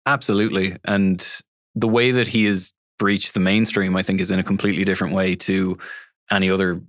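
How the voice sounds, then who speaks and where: A man's voice: deep voice, little pitch movement, fairly quick, dry recording, studio quality. A man with a west of Ireland accent, explaining things conversationally as an interview guest. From Galway City, west of Ireland.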